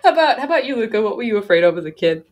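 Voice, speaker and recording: A woman's voice: a little high, big pitch swings, very fast. Chatty, giggly woman radio co-host. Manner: chatty, laughs often, many fillers. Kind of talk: casual radio chat.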